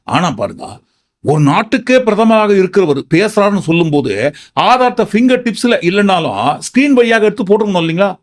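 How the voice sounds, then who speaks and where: A man's voice: high-pitched, animated, a little fast. A man giving political commentary, sarcastic and firing off rhetorical questions.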